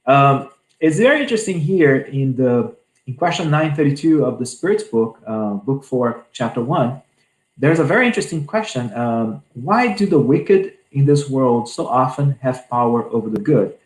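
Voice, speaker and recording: A man's voice: mid-range voice, expressive, moderate pace, echoey room, poor audio. A man giving an earnest spiritual talk on a scripture passage, often restarting his phrases. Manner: earnest, repeats and restarts often, many fillers. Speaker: spiritist speaker.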